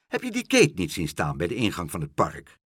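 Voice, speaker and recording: A man's voice: sits low, huge pitch swings, brisk, fairly bright tone, slightly rough, no echo, studio quality, voice pushed down, heavily acted. A man voicing a cheerful, talkative woman in a storybook reading, rattling on eagerly. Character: cheerful chatty woman, loud and bubbly.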